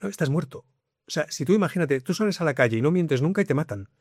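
Man, coach, lively explainer, repeats points, dry close mic. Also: a little high, quick pace, dry recording. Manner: explanatory, lively, leans on repetition. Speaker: guest, communication coach. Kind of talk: conversational interview.

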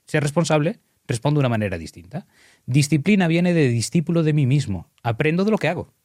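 A man's voice: a little high, sing-song, fast, darkish tone, no echo, clean studio sound. A man, explaining ideas and guiding an exercise in earnest, emphatic conversation.

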